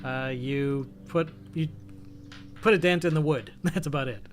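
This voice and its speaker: Higher-voiced man running a tabletop game. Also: measured pace. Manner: describes scenes and rules, thinking aloud. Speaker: game master.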